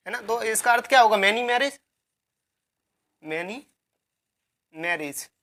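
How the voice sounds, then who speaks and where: A woman's voice: on the high side, fairly even intonation, fast, a bit bright. A woman teaching a vocabulary lecture, repeating key words, asking herself questions and spelling words out letter by letter.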